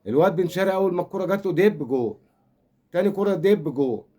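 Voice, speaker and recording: Racing along in a high, animated voice with a warm tone, this older Egyptian-accented man is a football fan commentator. His comic rant is rambling and teasing, with a mock-consoling streak.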